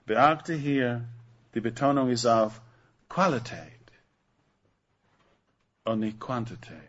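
A man preaching a sermon, slow and emphatic, putting rhetorical questions to the congregation. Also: a little high, dull audio.

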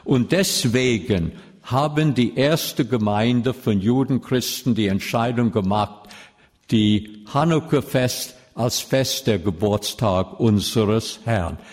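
A man's voice: mid-range voice, a little mellow. A middle-aged man preaching a sermon in German full of grammar slips, lecturing and putting questions to his listeners. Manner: slow, lecturing, asks the audience questions. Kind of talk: sermon with teaching asides. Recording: long echoing reverb of a hall.

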